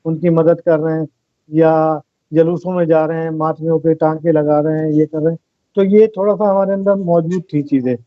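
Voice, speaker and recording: A man's voice: on the high side, level tone, normal speed, dry recording, lo-fi sound. A man from Pakistan, a guest in an interview, explaining his volunteer work in an earnest, reflective way with stories and examples. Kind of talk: conversational interview talk.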